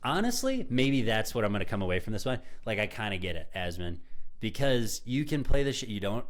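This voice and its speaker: A man's voice: lowish voice, fairly quick. A man streaming live, giving heated, profane, sarcastic commentary while reacting to videos.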